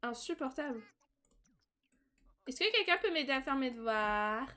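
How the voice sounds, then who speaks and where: This is a chatty young woman doing casual live-stream commentary over a life-simulation game. She laughs a lot, lets out excited squeals, and speaks at a measured pace in a high-pitched voice.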